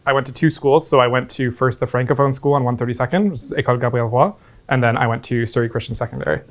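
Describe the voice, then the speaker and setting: Young male contestant, fast, chatty, casual group banter. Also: mid-range voice. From Canada. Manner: quick, chatty, laughs often.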